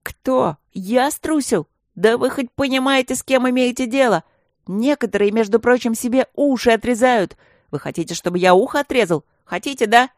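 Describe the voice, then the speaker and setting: A woman's voice: medium pitch, normal speed, no room sound, clean studio sound, voice pushed up, natural voice. Woman voicing a pompous schoolboy artist. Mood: indignant. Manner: lofty, indignant, theatrical. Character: proud dramatic schoolboy artist.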